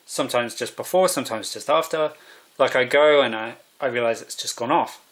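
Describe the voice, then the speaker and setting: A man's voice: mid-range voice, a little fast, a bit bright. A man, vlogging in a meandering, musing monologue that keeps correcting itself. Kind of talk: rambling monologue.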